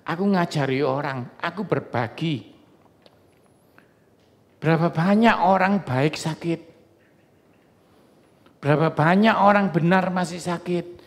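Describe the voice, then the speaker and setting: A male pastor preaches to his congregation, chatty and joking as he tells stories. His voice sits fairly high for a man, and it rings with the long reverb of a church hall. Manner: conversational, joking storytelling to a congregation. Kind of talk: sermon.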